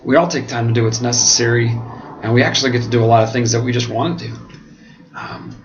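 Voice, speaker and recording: This reflective to-camera monologue comes from an American pastor and seminary student answering questions, his speech earnest and halting because his mouth is swollen from oral surgery and seems dentist-numb. His voice is mid-range with fairly even intonation, on clearly noisy, dull lo-fi home video.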